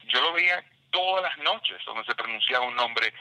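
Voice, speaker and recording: A man's voice: medium pitch, animated, normal speed, pushed and bright, dry recording, poor audio. A man, a baseball analyst, speaking earnestly and with emphasis in a recorded interview segment. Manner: earnest, emphatic about pronunciation.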